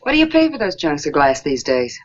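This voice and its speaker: A woman's voice: low voice, huge pitch swings, a little fast. An actress playing a hard-boiled, slangy female accomplice of a con man in a 1940s film. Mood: wisecracking. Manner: blunt and slangy. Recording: dull old 1940s film soundtrack with faint hiss.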